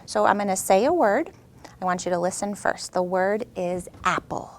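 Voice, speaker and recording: A woman host and teacher who explains a reading skill clearly, then coaches a child with patient, upbeat praise. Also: medium pitch, normal speed. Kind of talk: scripted teaching intro and one-on-one demonstration.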